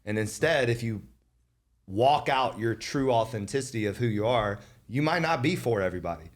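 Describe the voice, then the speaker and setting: A man's voice: medium pitch, lively intonation, moderate pace. A man hosting a podcast, talking casually and emphatically, repeating words for stress. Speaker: podcast host.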